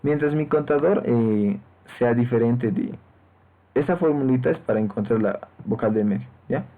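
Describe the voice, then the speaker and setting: In a screen-recorded programming lesson, a male teacher walks students through code at a moderate pace and a middle pitch. He explains every step and checks in often with short tag questions. His voice sounds tinny and lo-fi, as if captured on a phone-like mic.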